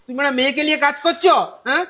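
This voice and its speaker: A man's voice: extremely high pitch, steady tone, rapid-fire, dry recording. A man playing a town drunk husband in a comedy skit, rambling coarsely, wheedling and scolding. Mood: scolding, outraged. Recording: loud music over dialogue.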